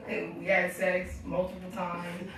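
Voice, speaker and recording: A man's voice: sits high, monotone, unhurried. A man telling a rambling personal story during casual group banter, starting over again and again. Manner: rambling storytelling with many restarts. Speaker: podcast co-host telling a story. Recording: echoey room, distant mic, noisy.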